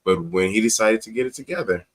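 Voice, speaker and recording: This fast-talking man, fairly low in pitch, is a teacher guesting on a talk show, telling stories about his life in a conversational way and acting out what people said with emphasis.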